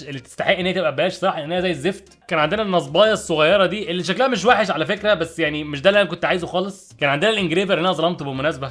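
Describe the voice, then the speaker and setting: A man's voice: a little high, a bit bright. A young man with an Egyptian Arabic accent, chatting casually while unboxing and reviewing cheap gadgets, joking and puzzling over what he finds. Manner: rapid, chatty, jokey and puzzled. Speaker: product-review vlogger.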